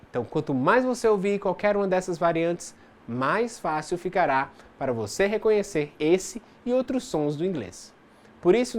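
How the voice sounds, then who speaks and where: Brazilian teacher explaining English grammar. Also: medium pitch. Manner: didactic, explains step by step with English example words. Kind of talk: scripted distance-learning lesson. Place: studio.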